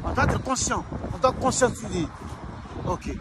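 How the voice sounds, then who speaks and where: A man's voice: very high-pitched, moderate pace, heavy background noise. A man on a city street, earnestly interpreting and insisting he understood, repeating yes and voilà. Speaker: street interpreter, prank target. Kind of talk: improvised interpreting.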